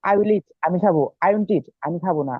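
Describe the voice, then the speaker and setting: A man's voice: high voice, moderate pace, breathy edge, no echo. A male student politely reciting drill sentences, each followed by its translation, in an online class. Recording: tinny dry call audio.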